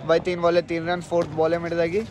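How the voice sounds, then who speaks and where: A man's voice: a little high, monotone, fast. A young man gives eager ball-by-ball commentary on a street cricket match, cheering his teammates on. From Pakistan. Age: young adult. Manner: eager, counting balls and runs, cheering teammates. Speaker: vlogger and team player. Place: outdoor street cricket ground at night. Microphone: handheld phone. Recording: outdoor phone audio with crowd noise.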